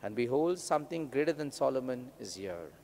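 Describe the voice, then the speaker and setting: A man with an Indian English accent, a priest reading the gospel and preaching in a measured, deliberate way, his voice ringing with cathedral echo. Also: medium pitch, big pitch swings, vocal fry, mellow. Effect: cathedral echo, long church reverb. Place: large church hall. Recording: long church reverb with faint hum.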